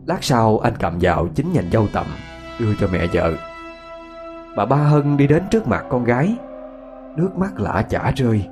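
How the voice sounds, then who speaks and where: A man's voice: mid-range voice, big pitch swings, moderate pace. A man narrating a scripted ghost story with dramatic expression. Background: faint music.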